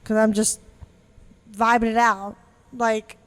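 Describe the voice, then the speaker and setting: A woman's voice: a little high, level tone, slow pace, smooth. A young woman co-hosting a casual podcast, venting in a frustrated, rambling way, swearing freely and circling back with restarts. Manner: many fillers and restarts. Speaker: podcast co-host.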